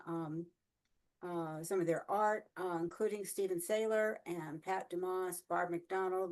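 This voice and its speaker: A woman's voice: mid-range voice, a little hiss or hum. A woman organizing a fan gathering, chatting casually on a video call with many fillers.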